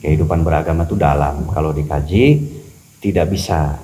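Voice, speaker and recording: A man talking as a spiritual teacher on a podcast, animated and preachy, repeating key phrases for emphasis. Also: extremely low pitch, normal speed, rough recording. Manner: acts out quoted voices. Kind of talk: podcast religious talk.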